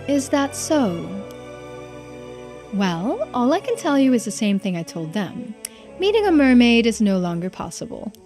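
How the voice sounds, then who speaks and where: A woman streamer reads game dialogue aloud during a visual novel playthrough, voicing the characters with conversational, acted line readings. Her voice is mid-range and warm.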